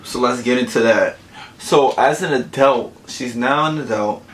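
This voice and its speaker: A man's voice: mid-range voice, unhurried, a little hiss or hum, rough recording. A man chatting casually to camera, recapping a film between bites of food, rambling with lots of "like" fillers and self-corrections. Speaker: vlogger. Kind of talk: casual movie recap while eating. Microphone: camera mic, eating on camera.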